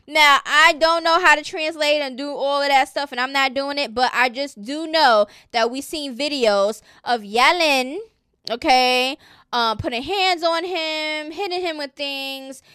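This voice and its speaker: A woman's voice: high voice, sharp tone, no room sound, clean studio sound. A woman from New City, talking through celebrity gossip in a chatty, opinionated way that keeps tagging "okay?". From New York City. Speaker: gossip commentary host. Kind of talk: casual celebrity gossip commentary.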